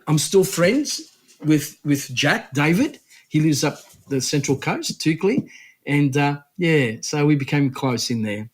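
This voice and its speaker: A man, a radio interview guest telling a long personal story in a rambling, animated way with many restarts. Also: mid-range voice. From Australia.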